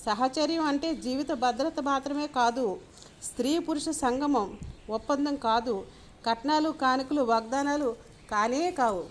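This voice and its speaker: Brief: woman voicing idealistic young hero, lecturing, high voice. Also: a little slow, slight background noise. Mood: earnest. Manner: earnest, lecturing. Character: idealistic young man, earnest and preachy.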